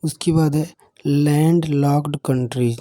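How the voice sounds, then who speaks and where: Male tutor, dark mellow voice, fairly high pitch, flat and steady delivery, dry close sound, quizzes himself aloud. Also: slow, dry recording. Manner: mixes English phrases into Hindi, repeats key points; asks and answers his own quiz questions. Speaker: exam coaching teacher. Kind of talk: explanatory lecture.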